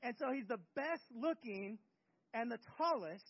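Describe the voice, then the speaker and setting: A man's voice: very high voice, lively intonation, unhurried, breathy edge. A male pastor giving a casual, joking sermon, acting out scripture scenes, in a muffled lo-fi recording. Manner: conversational, joking, acts out bible characters.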